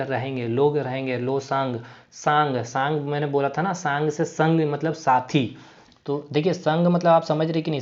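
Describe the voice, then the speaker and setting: Male exam-prep teacher, chatty and repetitive, slightly high-pitched, muffled low-fi recording. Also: darkish tone. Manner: repeats terms, builds memory tricks, many fillers. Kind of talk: casual exam-prep lesson. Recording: dull lo-fi sound.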